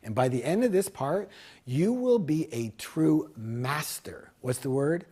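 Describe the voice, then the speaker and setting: Guy doing a hyped seminar sales pitch, kinda high voice, bounces all over, hammers the same words twice. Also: unhurried, slightly rough. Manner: emphatic, animated salesman, repeats key words for punch. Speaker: seminar speaker selling a business course.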